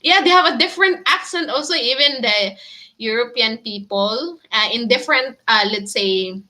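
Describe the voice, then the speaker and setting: A woman's voice: a little high, normal speed, sharp tone. A woman with a Filipino accent, chatting casually with viewers and answering their comments, giggling often. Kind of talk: casual live chat with viewers.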